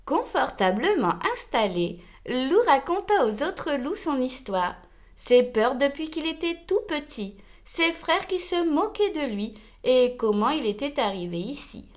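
A woman reading a children's storybook aloud, slow, expressive and gentle. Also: high voice.

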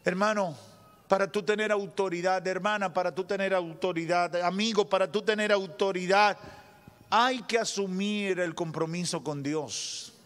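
A man in his thirties with a Dominican Spanish accent, preaching a fervent sermon from a church stage into a handheld mic, moving between loud declarations and slow, hushed lines. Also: high voice. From Dominican Republic. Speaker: pastor. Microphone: handheld microphone at a pulpit.

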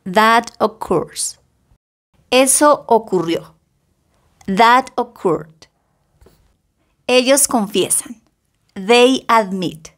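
A woman teaching English grammar, slowly reading bilingual example sentences with careful pronunciation. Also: a little high, animated, fairly bright tone. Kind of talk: slow bilingual grammar lesson.

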